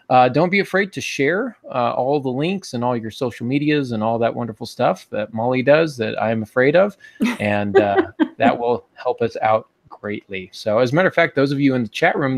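A man in his forties, a writing teacher, hosts a podcast about writing from a small home office. His medium-pitched voice is conversational, easygoing and lightly joking, and the recording is dry.

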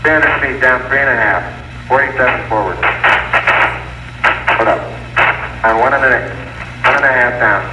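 A man giving clipped, steady descent callouts over a crackly space radio transmission with beeps. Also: mid-range voice, normal speed, long pauses. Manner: clipped, steady, matter-of-fact numbers. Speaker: astronaut calling out descent. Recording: distant echoey archival radio with faint noise.

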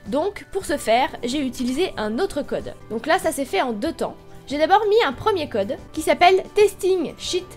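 A young gaming YouTuber from Brittany, France walks viewers step by step through a game on screen in a chatty, explanatory screen-recorded tutorial. Her voice sits high and sing-song, a little mellow, at a moderate pace with few pauses, and faint music plays behind her.

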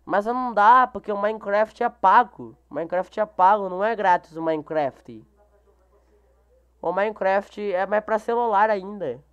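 Slow, smooth-voiced male streamer greeting chat. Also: high voice, lo-fi sound. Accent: Brazilian Portuguese. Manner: greets viewers by name, repeating each greeting. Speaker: live streamer reading chat. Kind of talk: casual gaming live stream.

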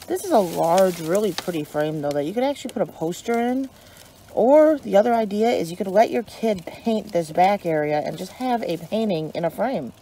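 A woman in her thirties who vlogs about dumpster diving chats casually and upbeat while holding her phone camera, outdoors at store dumpsters and back at home. Her mid-range voice has lively intonation, a moderate pace and a dark tone, though the audio is poor with a little hiss or hum.

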